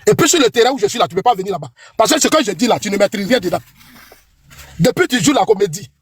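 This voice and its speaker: A man's voice: high voice, expressive, rapid-fire, breathy edge. A middle-aged man with an Ivorian French accent, delivering a combative, accusing political tirade that repeats lines for emphasis. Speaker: political commentator.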